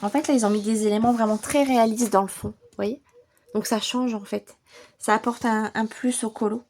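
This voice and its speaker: A French woman vlogging casually about her coloring books, chatty and enthusiastic, a little hoarse as she recovers from bronchitis. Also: a little high, fairly even intonation, moderate pace, darkish tone, a little hiss or hum. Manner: chatty, enthusiastic, many fillers. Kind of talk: casual vlog chat.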